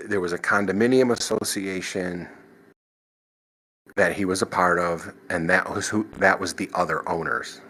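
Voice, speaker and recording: A man's voice: deep voice, a bit bright, low-quality recording. A man guest on a podcast, casually recounting his paranormal experiences in a rambling way, restarting sentences and chuckling now and then. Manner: rambling, frequent restarts and "you know".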